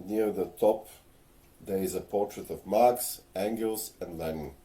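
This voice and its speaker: A Bulgarian man with a low, mellow voice speaks at a measured pace. A little tipsy, he rants earnestly and lectures at home in front of a ring light, hesitating with fillers in a casual on-camera rant.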